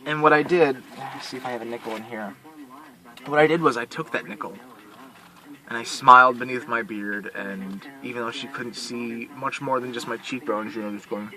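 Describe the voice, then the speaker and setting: A man's voice: medium pitch, fairly even intonation, moderate pace, bright, forceful tone, rough recording. Young man, casual vlog to camera, heartfelt, rambling, voice close to tears at times. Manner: emotional, sincere, rambling with restarts. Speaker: vlogger who works as a mall Santa.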